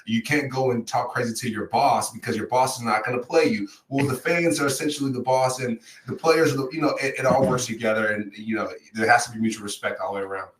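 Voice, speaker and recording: A man's voice: mid-range voice, steady tone, quick pace, few pauses, fairly bright tone, roomy sound, distant mic, low-quality recording. A man co-hosting a sports podcast, a former player who makes emphatic points and repeats them. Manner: emphatic, repeats key points and addresses co-host by name. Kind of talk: casual sports talk.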